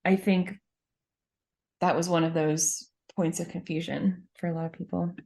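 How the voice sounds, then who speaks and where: A woman co-hosting a podcast, explaining events in a measured, reflective way with dry, wry asides. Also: lowish voice, little pitch movement, vocal fry, a little mellow. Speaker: podcast co-host. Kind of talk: casual podcast chat.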